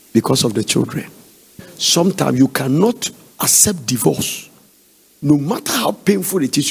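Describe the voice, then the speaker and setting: A man's voice: fairly high pitch, creaky, husky. A man preaching an earnest sermon, exhorting and telling family stories. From Nigeria.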